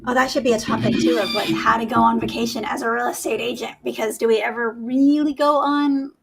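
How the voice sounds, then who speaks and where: A woman's voice: a little high, fairly even intonation, fairly quick, gravelly, a crowd in the background, poor audio. A woman co-hosting a podcast, explaining things in an informal way with fillers. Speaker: podcast co-host. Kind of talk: casual chat.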